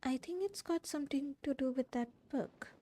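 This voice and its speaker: Mellow, higher-voiced Indian woman streaming. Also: normal speed, no room sound. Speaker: game streamer. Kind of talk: casual livestream commentary in mixed Hindi and English.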